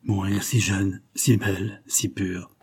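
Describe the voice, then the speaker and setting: A man's voice: low voice, level tone, slow pace, slightly rough, exaggerated voice. A man voicing a young nobleman who speaks tenderly and laments. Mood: lamenting.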